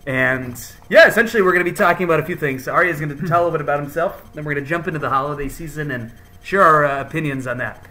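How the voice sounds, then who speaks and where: Bright, forceful male podcast host. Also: fairly high pitch, very fast, few pauses. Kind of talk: casual chat.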